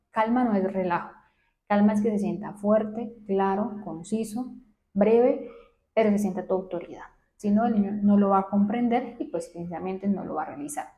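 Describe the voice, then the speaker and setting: A young woman who is a child psychologist, with a soft, low voice, explaining to camera and checking in often with short tag questions. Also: moderate pace. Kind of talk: educational talk to camera. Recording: roomy echo.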